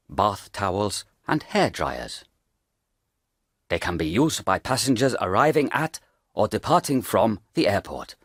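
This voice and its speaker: Deep, animated male narrator. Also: no echo, studio quality. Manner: measured, factual. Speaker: audio guide narrator. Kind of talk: scripted informational narration.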